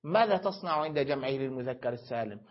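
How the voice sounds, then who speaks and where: A man teaching a grammar lesson, asking questions and answering them himself, stretching words out slowly as he explains each form. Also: mid-range voice, lively intonation. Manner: explains step by step, asks and answers own questions; stretches words slowly when spelling out forms. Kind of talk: classroom lesson. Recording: dull lo-fi lecture recording.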